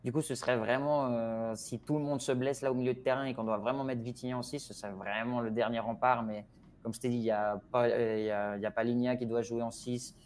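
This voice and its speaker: This Porto-rooted man, a guest expert on Portugal, stumbles through his football views with many fillers and false starts in a relaxed discussion. His voice is medium in pitch and somewhat dark, and the recording carries a bit of hiss or hum.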